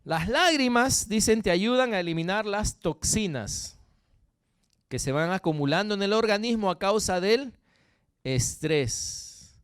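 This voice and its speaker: A Peruvian man preaching a sermon as pastor, animated and jokey, often checking in with the congregation. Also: high-pitched, a little slow, smooth, dry recording, clean studio sound. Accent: Peruvian Spanish. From Peru. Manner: animated, jokey, frequent tag questions to the congregation.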